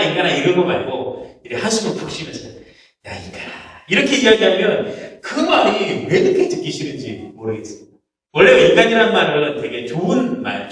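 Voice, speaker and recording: Male pastor, lively storyteller, echoey church hall with the mic at some distance. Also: sits high. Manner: storytelling, quotes people's curses in acted asides. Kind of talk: sermon. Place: church sanctuary.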